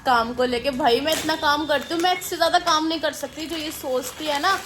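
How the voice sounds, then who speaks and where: A woman's voice: sits high, fairly quick, a bit bright, a little hiss or hum. A woman hosting a casual home vlog, talking chattily to her viewers and laughing at her own slips. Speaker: vlogger host. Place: home, indoors.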